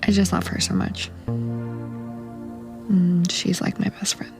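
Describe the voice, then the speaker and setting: An actress playing a fond, laid-back teenage daughter with understated screen acting. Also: female voice, lowish voice, little pitch movement, unhurried, creaky, faint music behind. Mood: fond, dry.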